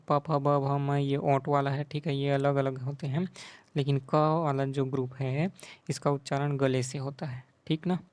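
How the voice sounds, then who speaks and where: A male tutor talks through quiz answers in an even, level voice that barely rises or falls. He keeps checking in with the listener after each point. The sound is close and dry, with no room echo. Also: mid-range voice. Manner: repeats "ठीक है" and "है ना" often. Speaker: teacher.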